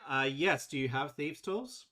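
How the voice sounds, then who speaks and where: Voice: medium pitch, measured pace, fairly bright tone. A game master casually narrating a tabletop role-playing game. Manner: casual, loose narration with fillers.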